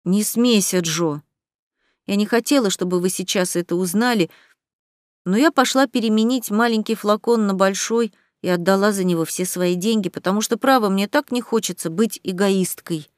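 A woman's voice: medium pitch, normal speed, no room sound, clean studio sound, close to an everyday voice. A woman reading aloud, voicing a young girl who speaks in a pleading way. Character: young girl Amy, anxious not to be selfish.

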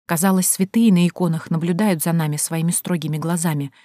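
Low, mellow woman narrating a story. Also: steady tone, fairly quick, no room sound, studio quality. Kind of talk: first-person audiobook narration.

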